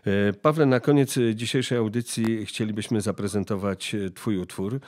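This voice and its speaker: Deep-voiced male host, hesitant interviewer. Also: steady tone, normal speed, a little mellow. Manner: hesitant, with many filler sounds. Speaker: radio-style program host. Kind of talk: phone interview.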